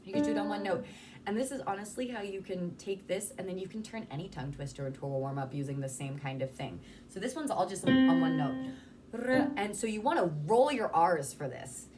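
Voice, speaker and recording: Over music, a woman vocal coach with a lowish voice speaks a little fast. She casually explains how to articulate sounds and demonstrates them herself.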